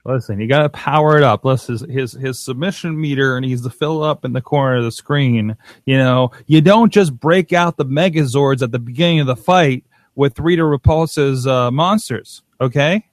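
A man co-hosting a casual chat, talking in an excitable, rambling way with many restarts. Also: medium pitch, normal speed, few pauses, no echo. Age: adult with a father-in-law. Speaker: podcast co-host.

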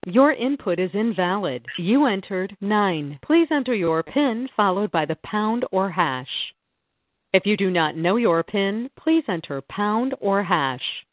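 A woman's voice: medium pitch, sing-song, measured pace. A woman giving scripted, impersonal automated prompts as a phone menu voice. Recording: muffled, band-limited phone line.

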